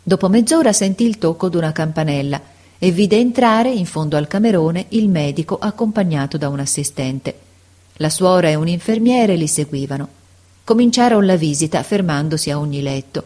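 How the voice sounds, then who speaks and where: A woman narrating a classic story as an audiobook, in a measured, sorrowful manner. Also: lowish voice, mellow.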